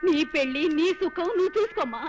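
A woman's voice: high voice, expressive, quick pace, slight background noise. An actress playing an ailing, sentimental older mother who pleads emotionally with her daughter.

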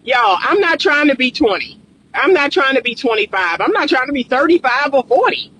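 High bright voice, woman in her 50s preaching into her phone from the driver's seat, repeats herself for punch. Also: sing-song, fairly quick, a little hiss or hum, rough recording. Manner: emphatic, preachy, repeats phrases for stress. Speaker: relationship coach and counselor. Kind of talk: casual talking-head vlog. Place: inside a parked car. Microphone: phone camera on the dashboard.

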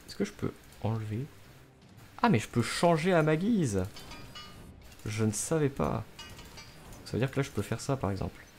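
A man's voice: medium pitch, animated, moderate pace, long pauses, darkish tone. A man in his twenties chats casually as he streams a game. He speaks from a room at home, with music behind him. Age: 20s. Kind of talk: casual gaming livestream commentary.

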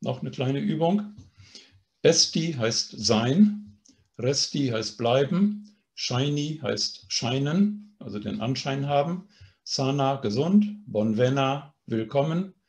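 Slow, patient male language teacher. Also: medium pitch, a little mellow. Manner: patient, explanatory, often adds a questioning "ne?". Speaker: language course instructor. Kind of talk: online language lesson.

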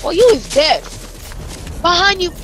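A woman's voice: very high-pitched, lively intonation, measured pace, slight background noise. A woman gaming online, trash-talking her teammates in slangy casual voice chat. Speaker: gamer. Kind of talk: casual voice chat during online shooter play. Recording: loud gunfire and game sounds over voice.

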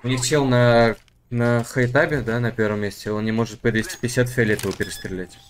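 A man's voice: mid-range voice, fairly even intonation, fast talker, crowd noise. A young man streaming a shooter, raging and grumbling at teammates with constant swearing. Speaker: game streamer. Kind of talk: live gameplay chat with teammates. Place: indoor streaming room at gaming desk. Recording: loud gunfire and clicking noise. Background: shooter game gunfire, clicks.

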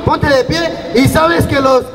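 A man's voice: very high-pitched, steady tone, slow pace, exaggerated voice. A man playing a silly, bossy clown who scolds and rouses in a live children's stage routine. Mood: cheerful. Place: stage in a large indoor hall. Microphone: handheld mic, filmed from the audience. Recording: noisy hall recording with crowd.

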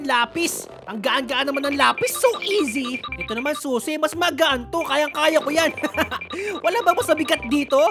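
Woman, gaming channel host, high-pitched, giggly and teasing, game music behind. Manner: teasing, giggly, self-mocking. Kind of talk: playful gameplay commentary.

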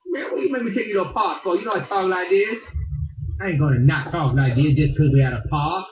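A man voicing his mother as a brash, slangy woman who talks fast and boldly. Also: sits high, echoey room, pitched above the performer's own voice, lightly acted. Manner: fast swaggering slang delivery. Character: brash loud-talking mom, slangy and bold. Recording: tinny phone-like audio from a played video.

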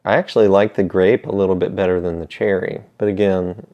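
A man's voice: low voice, steady tone, fairly quick. A middle-aged man in a laid-back, hesitant, rambling casual chat to camera, talking around a pipe held in his mouth. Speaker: pipe tobacco seller. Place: small indoor room with shelves. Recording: slightly dull, lo-fi sound.

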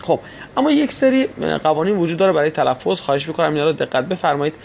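A man teaching a recorded German lesson, spelling letters slowly, repeating sounds, and speaking to listeners as friends in polite, formal phrasing. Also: on the high side, expressive, creaky, a little mellow, slight background noise.

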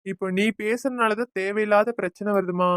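A devoted cartoon husband, voiced by a woman, mid-pitched and firm. He warns his mother in a steady, insistent tone. The sound is dry and close. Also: fairly quick, dry recording, natural voice. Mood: warning. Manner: warning, insistent, affectionate to wife. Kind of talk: cartoon voice acting.

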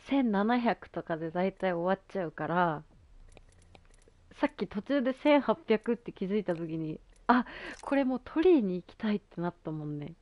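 A woman's voice: medium pitch, expressive, moderate pace, no echo, highs cut off. A woman chatting casually on a gaming stream, gushing in youthful slang and exclamations. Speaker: game streamer. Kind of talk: excited casual live-stream chat while gaming.

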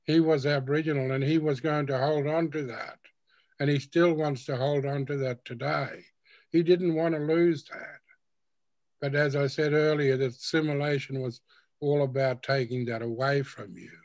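Older male panelist, measured and reflective, dry close webcam sound. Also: a little high, fairly even intonation, darkish tone, no echo. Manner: slow, reflective speech with repeated phrases. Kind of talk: panel discussion over video call. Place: home room with bookshelves. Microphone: video call webcam.

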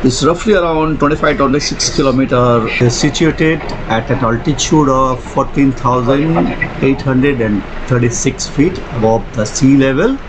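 A man with an Indian English accent narrating his mountain road trip vlog outdoors, slow and descriptive with pauses. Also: medium pitch. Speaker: travel vlogger. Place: outdoors by high mountain lakes, windy. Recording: wind noise on the mic, muffled.

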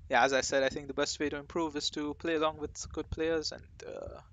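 A man's voice: a little high, fairly even intonation, fairly quick, a bit bright, muffled recording. A man hosting a gaming channel who talks in a casual, rambling way, with lots of fillers and restarts. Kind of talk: casual rambling talk to camera.

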